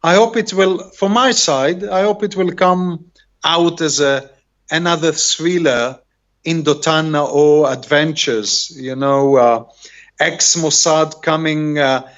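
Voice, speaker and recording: A man's voice: on the high side, steady tone, fairly bright tone. A middle-aged man from Israel with an Israeli accent, a native Hebrew speaker, talking casually as an interview guest and often searching for words over a video call. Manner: halting, rambling, searching for words. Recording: dull, lo-fi video call audio.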